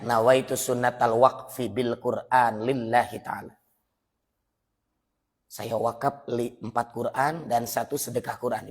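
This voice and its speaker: A man with a Sundanese accent preaching a morning sermon in a mosque, telling stories and calling out to the congregation. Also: medium pitch. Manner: storytelling, switching to loud chanting calls.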